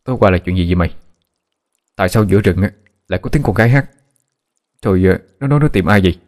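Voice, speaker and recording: A man's voice: deep voice, animated, fast talker, a little mellow. A man voicing a young village man who asks anxious questions and later wails in grief, in a told ghost story. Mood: puzzled.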